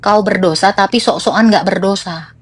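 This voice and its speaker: A woman's voice: medium pitch, normal speed, very noisy. A young woman preaching in a blunt, teasing rant that mixes slang with scripture.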